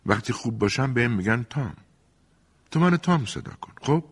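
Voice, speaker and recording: A man doing Tom Sawyer, a sly hushed schoolboy. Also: mid-range voice, lively intonation, slightly rough, pitched above the performer's own voice. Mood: sly, teasing. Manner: hushed, teasing. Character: mischievous schoolboy, sly and boastful.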